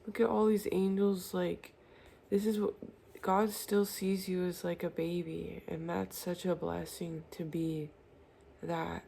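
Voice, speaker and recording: A woman's voice: fairly low pitch, little pitch movement, unhurried, creaky, mellow, a little hiss or hum. A woman giving an earnest, reassuring spiritual tarot reading, speaking directly to the viewer. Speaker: tarot reader.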